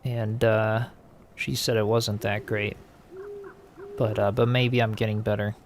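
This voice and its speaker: A game streamer with a lowish voice and little pitch movement talks unhurriedly over slight background noise. Casual and musing, he plays, answers viewer comments, and often trails off.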